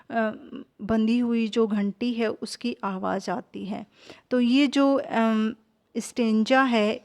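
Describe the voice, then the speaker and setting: A woman teacher explaining a poem at an unhurried pace. Her voice sits a little high, and she stops often with fillers as she mixes English terms into her explanation. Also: darkish tone. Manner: slow, hesitant explaining with fillers, mixing English terms into Hindi.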